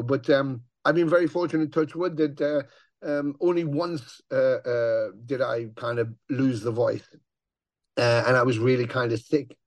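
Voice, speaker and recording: A man with a gravelly growl, chatting casually as an interview guest and swearing as he tells stories. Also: medium pitch, dry recording. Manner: swearing, animated storyteller who acts out voices. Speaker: touring metal musician, guest.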